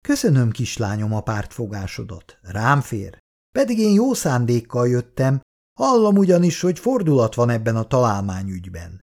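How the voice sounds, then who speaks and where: A man's voice: medium pitch, sing-song, gravelly, darkish tone. A man voicing a timid, wheedling older man who slips into sly bluster. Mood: pleading, sly.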